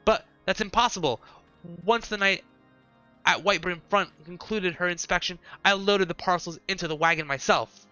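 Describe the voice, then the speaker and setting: A man's voice: sits high, normal speed, pushed and bright, clean tone, no room sound, muffled recording, soft background music. A man reading as an indignant game porter. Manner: offended, formal. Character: indignant male porter accused of smuggling.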